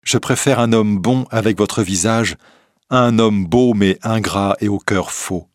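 A man voicing a kind, honest young woman in a storybook reading, speaking softly and sincerely. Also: on the low side, unhurried, dry recording, clean studio sound, natural voice.

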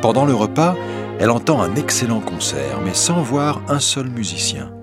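A man narrating a fairy tale in a slow, clear, measured reading. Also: medium pitch, very animated, over music. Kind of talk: storybook reading.

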